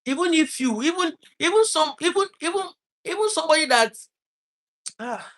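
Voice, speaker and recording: A man with a Nigerian accent tells a painful personal story in an earnest, halting way. He often repeats and restarts his words while trying to hold back tears. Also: very high-pitched, fairly bright tone. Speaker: vlogger telling a personal story.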